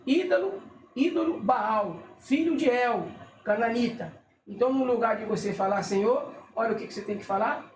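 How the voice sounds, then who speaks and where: A religious teacher with a medium-pitched, slightly mellow voice reads casually from a list, often checking in with the listener and pausing to correct themself. The room is echoey, with faint background noise.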